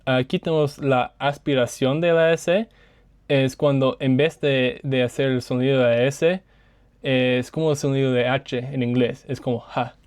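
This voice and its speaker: Hesitant man presenting slides, smooth voice. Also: mid-range voice, steady tone, unhurried, darkish tone, no echo, clean studio sound. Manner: hesitant, many fillers and self-corrections. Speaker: student presenter.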